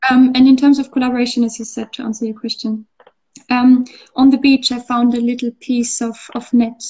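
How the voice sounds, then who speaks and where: An Austrian woman who works as an artist speaks in a casual interview, her fairly quick, high-leaning voice flat and dark in tone. She sounds hesitant, full of fillers and restarts, and the audio is dull.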